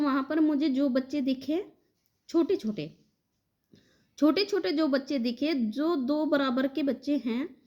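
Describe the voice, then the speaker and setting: A woman's voice: high voice, highs cut off. A woman telling devotees about a spiritual vision in a conversational, devotional way. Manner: warm devotional address, conversational retelling. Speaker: devotional storyteller.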